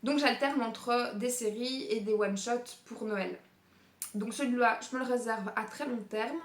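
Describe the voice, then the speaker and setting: A woman's voice: fairly high pitch, a little slow. A young woman talking casually about new books she plans to read, with lots of fillers and frequent laughter. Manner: chatty, many fillers, laughs often. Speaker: book youtuber. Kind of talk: casual book talk. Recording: echoey room.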